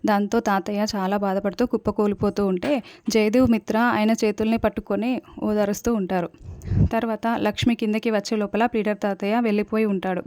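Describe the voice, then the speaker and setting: A woman narrating a recap of a TV serial in a steady, plain storytelling manner. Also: mid-range voice, fairly quick, no echo.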